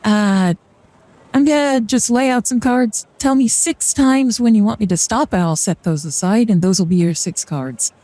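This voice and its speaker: This young streamer speaks at a moderate pace in a mid-range, dark-toned voice, with no room sound in the recording. She chats casually and jokes throughout a card reading on her live stream, rambling with fillers and little laughs.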